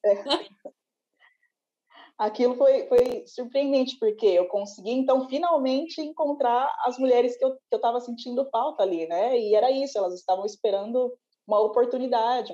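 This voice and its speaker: A woman's voice: fairly high pitch, normal speed, mellow, lo-fi sound. A woman, a guest on a panel, telling her story reflectively and often adding tag questions. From Brazil. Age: 20s. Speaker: panel guest, community CEO. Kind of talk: conversational panel interview.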